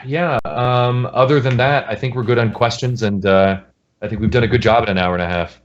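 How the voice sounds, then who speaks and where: A man's voice: medium pitch, steady tone, fairly quick. A man, a game developer, chatting loosely and jokingly on a podcast. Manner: loose and rambling, jokey. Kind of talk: casual podcast chat. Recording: dull lo-fi recording.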